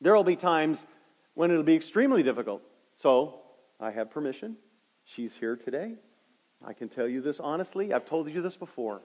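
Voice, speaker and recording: High-voiced preacher, booming hall. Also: male voice, big pitch swings, moderate pace. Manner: swings from loud emphatic preaching to quiet storytelling. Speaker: pastor. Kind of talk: sermon. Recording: dull lo-fi sound with hall reverb.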